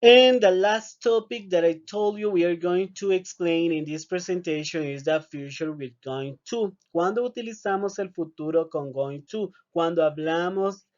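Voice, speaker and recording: Slow-talking male English teacher, lo-fi. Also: high-pitched. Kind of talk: recorded video lesson.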